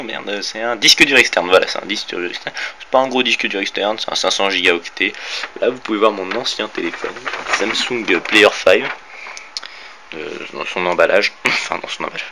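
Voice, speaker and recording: His voice sits on the low side and moves at a normal pace: a young man from France with an Orléans-area accent, giving a casual tour of his room and gear. Shot on a handheld phone, the vlog is rambling and full of fillers and self-corrections, with a faint hiss from the inexpensive device.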